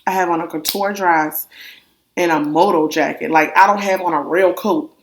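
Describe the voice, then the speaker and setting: Animated woman telling a story. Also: lowish voice, moderate pace, slight background noise. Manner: animated, exaggerated storytelling with acted-out quotes. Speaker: co-host. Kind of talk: casual storytelling chat.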